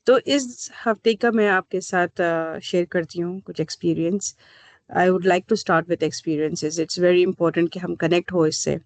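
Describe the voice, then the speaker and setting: Female counsellor, workshop speaker, unhurried storyteller who mixes languages and fills pauses, dry close sound. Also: lowish voice, dry recording. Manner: storytelling, mixes English phrases with pauses and fillers. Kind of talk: online workshop talk.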